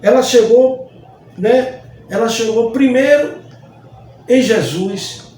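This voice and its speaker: Pastor baiano numa sala com muito eco. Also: male voice, very high voice, takes it slowly, mellow, a little hiss or hum. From Bahia, Brazil. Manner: earnest, repeats phrases for emphasis. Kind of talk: Bible study teaching. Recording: distant mic, very echoey room.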